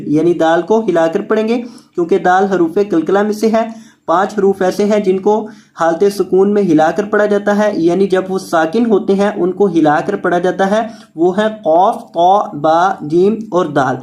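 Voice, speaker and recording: A man teaching Quran reading step by step, explaining rules quickly and then chanting each word slowly and drawn out. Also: sits high, a little mellow. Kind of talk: step-by-step recitation lesson.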